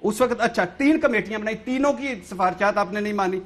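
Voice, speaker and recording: A man's voice: high voice, a bit bright. A man, a journalist guest on a talk show, arguing heatedly and firing repeated rhetorical questions.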